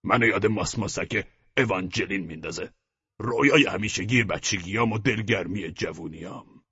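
Man putting on an eccentric drinking buddy, whimsical, excitable, bright tone, husky, dull lo-fi audiobook sound. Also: heavily acted. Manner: whimsical, excitable, raises voice higher than the narrator. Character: eccentric, rambling adult male friend drinking port wine.

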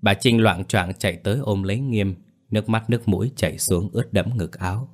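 A man's voice: fairly low pitch, brisk, darkish tone. A man narrating a scripted horror story in a grave, dramatic way.

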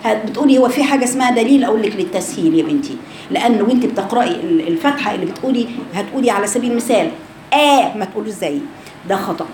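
The teacher is a woman with an Egyptian Arabic accent, her medium-pitched voice expressive, very fast and darkish in tone. In a recorded class with echo and background noise, she teaches Quran recitation by explaining the rounded vowel, demonstrating it aloud and quizzing students.

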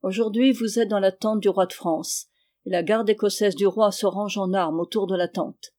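A scheming medieval king from an audiobook, sly and irritable, voiced by a reader. He protests and wheedles in a mellow, warm tone, then turns curt. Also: mid-range voice, steady tone, normal speed, lightly acted. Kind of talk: audiobook character reading.

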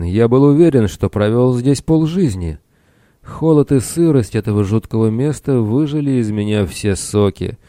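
A man voicing Ciron, a worn-out, excitable pirate who talks eagerly and exclaims a lot. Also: medium pitch, vocal fry, no room sound, studio quality, pitched above the performer's own voice. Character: weary male pirate, excitable and warm-hearted.

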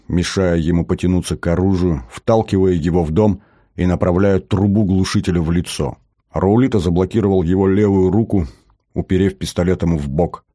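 A man narrating an audiobook in the first person, steady and measured, on a close mic. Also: low-pitched, no room sound.

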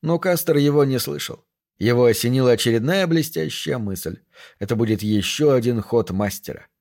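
A man's voice: mid-range voice, animated, normal speed, darkish tone. Man narrating a thriller audiobook. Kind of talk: scripted narration.

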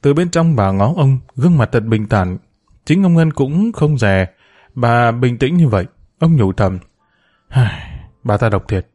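Narrator, male, mid pitch, steady audiobook reading. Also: measured pace, no echo, studio quality. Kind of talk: scripted storybook narration.

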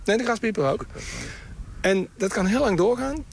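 Higher-voiced man explaining birds outdoors. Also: expressive, moderate pace, creaky. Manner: explanatory, imitates bird calls. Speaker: bird sound expert. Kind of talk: explaining in a field report. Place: outdoors in open grassland.

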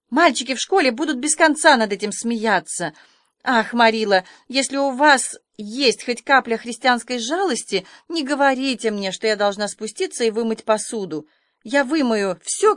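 A woman's voice: on the high side, fairly bright tone, dry recording, clean studio sound, lightly acted. A woman voicing a dramatic, remorseful orphan girl in an audiobook reading, with breathless, pleading delivery.

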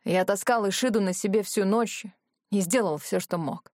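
A woman voicing an exhausted young male dragon shifter who speaks wearily and hoarsely. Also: medium pitch, moderate pace, a little mellow, no echo, studio quality, close to an everyday voice. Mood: weary, hushed. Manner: weary and hoarse.

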